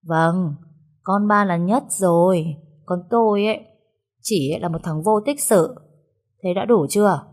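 A woman's voice: medium pitch, unhurried, long pauses, a little mellow, close to an everyday voice. Woman reading a curt young master. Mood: defiant. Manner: blunt, sneering.

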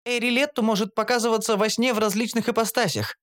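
A man's voice: very high voice, steady tone, fast talker, a bit bright, pitched above the performer's own voice. A man doing a jittery young gnome girl. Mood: earnest. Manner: eager, pleading. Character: earnest anxious young female gnome. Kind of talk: audiobook character voice.

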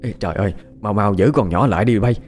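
A man's voice: lowish voice, fast, a little mellow, faint music behind, natural voice. A man doing a bossy old village woman. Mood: urgent.

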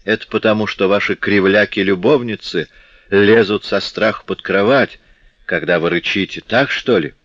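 A ragged young street girl, fearless and scornful, taunts armed men, read by a man with a very low voice. The sound is dull and dry, like an old lo-fi audiobook. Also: moderate pace, a bit bright, dry recording. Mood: defiant.

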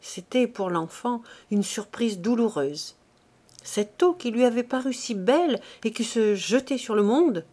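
A woman reading a classic novel aloud as an audiobook, measured and expressive. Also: a little high. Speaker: audiobook reader.

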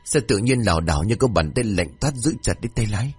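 A man's voice: on the low side, expressive, brisk, a little mellow, breathy edge, faint music behind. Man playing a terrified, haunted young man. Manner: trembling, pleading.

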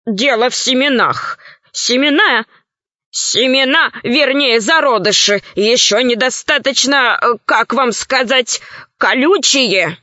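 Lady doing a scared old professor man, stammery, pleading, high and slowish. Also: bright, forceful tone, dry recording, full character voice. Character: frightened elderly male scientist. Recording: slightly dull, dry recording.

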